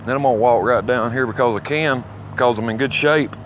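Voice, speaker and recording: This amateur vlogger speaks fairly quickly in a bit-bright, mid-range male voice with an Alabama Southern accent. Hailing from Alabama, he walks outdoors through a small town, rambling in a folksy, boastful, coarse manner. The recording is noisy with traffic, outdoor ambience and passing vehicles.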